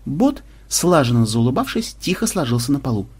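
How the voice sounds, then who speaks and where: Чтец-мужчина, средний тембр, с хрипотцой, ровная подача. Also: male voice, medium pitch, sing-song, brisk, husky. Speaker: audiobook reader. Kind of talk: scripted narration.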